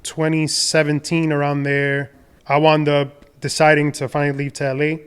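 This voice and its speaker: Young man, smooth clear voice, fairly high, even and flat delivery, rambling casual storytelling. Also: normal speed. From Dominican Republic. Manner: relaxed, rambling, many fillers and restarts. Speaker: podcast guest, designer and entrepreneur.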